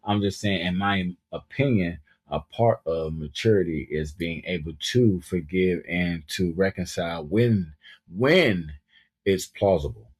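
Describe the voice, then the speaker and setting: A man in his thirties co-hosting a podcast in casual chat, animated and repeating words while he gathers his thoughts. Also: low voice, unhurried, husky. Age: 30s. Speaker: podcast co-host.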